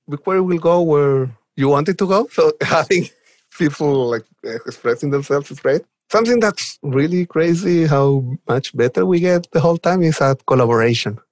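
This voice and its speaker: A man from Chile who works as a software developer advocate chats informally and eagerly while answering questions as a podcast guest. The recording is dry, and his voice is mid-range.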